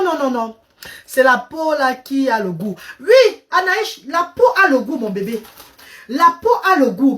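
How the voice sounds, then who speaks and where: A woman's voice: high-pitched, a bit bright. A woman hosting a casual live stream with diet advice, coaxing her viewers with endearments and slipping into English. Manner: switches between French and English. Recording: voice a bit far from the mic.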